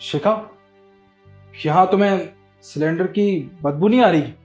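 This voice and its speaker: A man plays an angry husband confronting his cheating wife in a home drama. His voice sits high and his lines come out indignant and accusing. Faint music plays behind him. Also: measured pace. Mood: suspicious. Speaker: actor in a short film. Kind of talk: melodramatic short-film acting.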